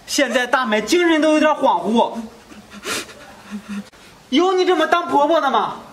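A man's voice: very high voice, animated, normal speed, a little hiss or hum. An actor playing an earnest young husband who pleads with his wife and reproaches his mother, repeating his questions. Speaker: husband returning from work away.

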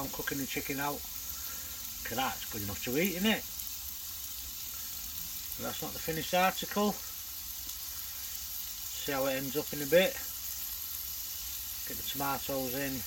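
An older man narrates a casual fishing vlog from a bankside bivvy outdoors at dusk, cooking a curry as he goes. His mid-range voice is gravelly and animated, at a normal speed with long pauses, and his commentary stays chatty and matter-of-fact. Background noise is audible.

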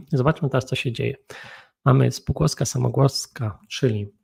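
A Polish man with a Polish accent teaching an English grammar lesson, talking slowly and thinking aloud while feeling unwell. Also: mid-range voice, vocal fry, darkish tone, husky. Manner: slow, thinking aloud with frequent hums. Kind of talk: solo grammar and pronunciation lesson.

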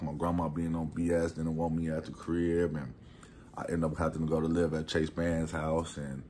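A young man with a low, heavy voice and a Chicago accent tells his own story in a loose monologue. He acts out each scene and jumps from mumbling to loud bursts. A faint hiss sits under his voice. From Chicago, USA. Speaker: rapper telling a personal story.

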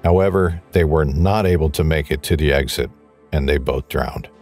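A man reading a scripted documentary voice-over in an even, measured way. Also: rumbling low, faint music behind. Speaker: documentary narrator.

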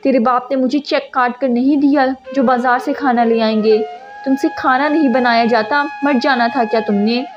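A woman voicing an angry, abusive young husband who shouts harshly, in a dull lo-fi recording over music. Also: high-pitched, steady tone, moderate pace, close to an everyday voice. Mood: shouting.

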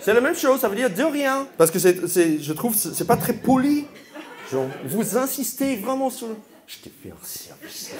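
Playful high-voiced male comedian, live crowd. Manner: playful, incredulous questioning of the audience. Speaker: stand-up comedian. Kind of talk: crowd-work stand-up comedy. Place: comedy venue with a live audience. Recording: live audience and room noise.

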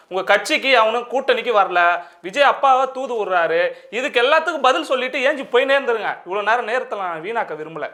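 A man's voice: high-pitched, bright, forceful tone. A man interviewing a guest, mocking and scolding him in a confrontational way.

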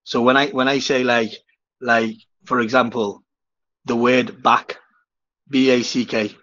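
Scouse-accented man, halting casual talker, dry muffled line. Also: mid-range voice, flat delivery, fairly bright tone, no echo. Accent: Liverpool Scouse. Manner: halting, many restarts. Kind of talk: casual chat.

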